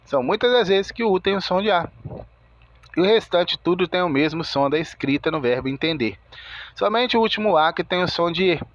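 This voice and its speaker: Male language teacher, higher voice, deliberate step-by-step explaining. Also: lively intonation, no echo. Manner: slow, methodical, spells out sounds word by word. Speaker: English teacher. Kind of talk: video lesson explanation.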